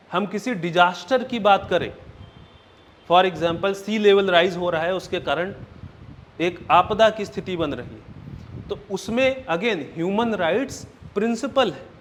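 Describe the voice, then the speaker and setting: High-voiced male teacher lecturing. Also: a bit bright. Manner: checks in often with "right?" and "okay?"; explains step by step, counting points aloud. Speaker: exam coaching teacher. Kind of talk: classroom lecture.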